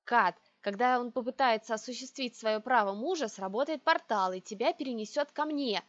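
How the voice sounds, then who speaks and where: A woman voicing a young male ruler who speaks in hushed, urgent tones. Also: on the high side, moderate pace, highs cut off, close to an everyday voice. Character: young man, bold, loving, scheming ruler.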